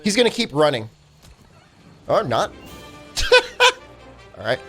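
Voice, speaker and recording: A young speedrun streamer with a phlegmy, cold-ridden voice chats casually with viewers while playing, rambling and saying "I mean" and "like" constantly. His voice is slightly high and a bit bright, very animated yet slow-paced. Faint music plays behind.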